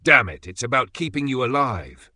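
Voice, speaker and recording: A man voicing a frightened, protective middle-aged father who shouts stern warnings at his children. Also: lowish voice, lively intonation, normal speed, no room sound. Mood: angry scolding.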